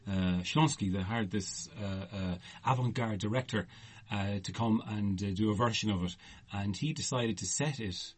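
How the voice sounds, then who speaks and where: A man's voice: on the low side, normal speed, husky. A man, co-hosting a podcast and telling a long rambling anecdote in casual chat. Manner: rambling anecdotal storyteller, laughs often. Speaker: podcast host.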